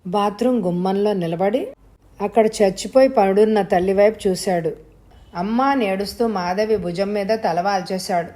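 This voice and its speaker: A woman reading a suspense story aloud as a steady, scripted narration. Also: mid-range voice, moderate pace. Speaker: audio story reader.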